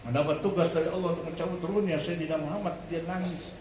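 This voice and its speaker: High-voiced preacher booming in an echoey mosque. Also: male voice, fairly even intonation, quick pace. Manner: bantering with the congregation, swinging from loud fervor to hushed storytelling. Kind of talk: humorous sermon at a mosque event. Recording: echoey mosque, distant mic, noisy.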